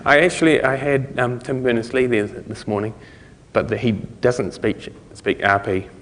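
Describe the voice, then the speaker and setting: A man's voice: mid-range voice, fairly even intonation, moderate pace, big-room sound. A man giving a conversational conference talk, explaining things step by step. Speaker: conference speaker.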